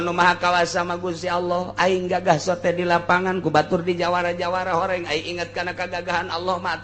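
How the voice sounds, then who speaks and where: With a high-pitched, bright, forceful tone, a Sundanese-accented man gives an informal sermon featuring Arabic recitation. He is an Islamic preacher and teacher, and his down-to-earth, colloquial speech returns to the same phrases for emphasis.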